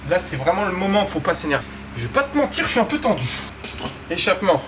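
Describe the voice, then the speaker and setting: A man's voice: high voice, sing-song, fast, background noise. A man talking to himself as he works on an engine, muttering and cursing at himself. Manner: muttering, swearing, self-mocking. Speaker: mechanic vlogger. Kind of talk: talking to himself while working. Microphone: camera mic from a distance.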